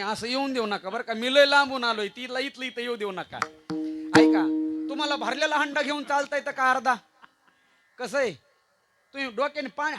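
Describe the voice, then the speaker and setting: A man with a Marathi accent preaching a devotional kirtan sermon, mixing jokes and stories with slowly chanted verses. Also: extremely high pitch.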